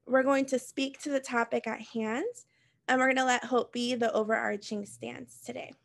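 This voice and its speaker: A woman in her thirties from Puerto Rico, a music teacher presenting an online teacher workshop over a video call in a calm, earnest way. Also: fairly high pitch, moderate pace, creaky. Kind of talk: online professional development presentation.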